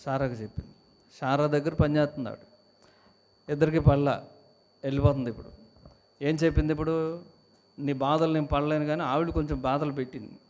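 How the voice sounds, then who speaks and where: A man's voice: on the high side, steady tone, brisk, long pauses, darkish tone. A man with a Telugu accent, a pastor preaching an emphatic sermon and calling on the congregation to answer.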